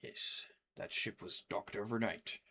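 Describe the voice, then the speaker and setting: A gruff old fisherman of a video game, acted out by a man. He is a salty seafarer who drawls slowly and projects his words like a wary witness. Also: on the low side, bright, forceful tone, a little hiss or hum. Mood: gruff, matter-of-fact.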